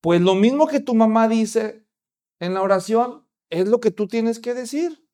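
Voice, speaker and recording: A patient, encouraging pastor, voiced by a man in a sermon story. He coaxes and reassures gently, in a voice close to the preacher's own, on the high side. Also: a little slow. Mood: coaxing. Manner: gently coaxing.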